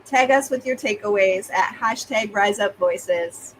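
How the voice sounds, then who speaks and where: A woman hosting a podcast, talking listeners through calm, scripted self-help guidance with worked examples. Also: mid-range voice, measured pace, a little hiss or hum, low-quality recording. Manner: calm, coaching tone with second-person examples. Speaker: podcast host.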